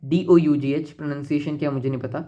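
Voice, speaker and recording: A chatty male teacher explains literary devices in a relaxed, joking way, switching between Hindi and English as he talks. When he reads out his English examples he slows right down and sounds out every word. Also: fairly high pitch, highs cut off.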